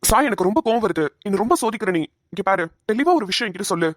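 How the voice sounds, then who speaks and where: A woman's voice: mid-range voice, animated, very fast, dry recording, studio quality, close to an everyday voice. A woman voicing an insistent young man in a cartoon, demanding an answer. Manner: pleading, then demanding. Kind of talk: cartoon voice acting.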